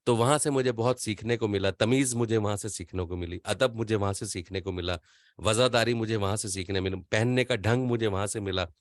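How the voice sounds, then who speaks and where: A man's voice: lowish voice, dry recording. An older man whose first language is not Urdu gives an online voice-over class, earnest and rambling. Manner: earnest, rambling, drops into quick impressions. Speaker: voice-over teacher.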